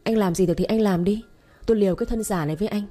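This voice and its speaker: A woman's voice: medium pitch, racing, dark tone, faint music behind, lightly acted. A woman voicing a stern, scolding elderly father-in-law in an audio story. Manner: scolding, firm.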